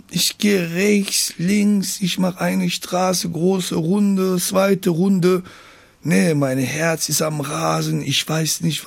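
A man with a raised pitch and a gravelly edge recounts his story in a casual interview. He talks in a lively way and keeps tossing in quick tag questions. The sound is dry and close, with no room around it. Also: no echo. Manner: animated retelling, frequent tag questions. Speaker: interview guest.

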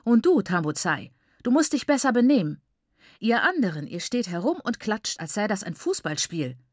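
A woman reading the part of a stern older male teacher who scolds a group of children loudly. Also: mid-range voice, big pitch swings, normal speed, no echo, studio quality, voice pushed up. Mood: scolding. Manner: raised, scolding, commanding.

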